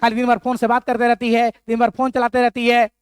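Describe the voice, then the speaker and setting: A man's voice: extremely high pitch, monotone, fast, smooth, no echo, clean studio sound. A male geography teacher with a Bihari accent who teaches a memory trick through a playful, repetitive story and draws out key syllables.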